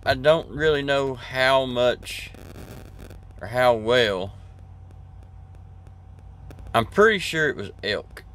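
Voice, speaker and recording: A trucker vlogger chats casually to camera from his parked truck cab, rambling and easygoing with lots of fillers and restarts. His medium-pitched, fairly bright voice is picked up by a camera at arm's length, with slight background noise.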